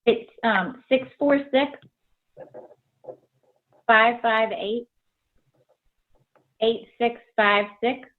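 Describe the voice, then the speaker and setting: A woman on a remote meeting call, talking in a brisk, practical way over choppy phone audio with clicks and noise. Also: fairly high pitch. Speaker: school committee member. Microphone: phone audio on a video call. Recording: dull lo-fi phone line, noisy.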